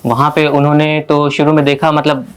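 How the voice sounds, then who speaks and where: A man's voice: on the high side, completely flat delivery, normal speed, smooth. A young man telling an interviewer about his exam and interview experiences in a rambling, self-deprecating way, often laughing. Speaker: interview guest, successful exam candidate. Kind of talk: casual interview storytelling.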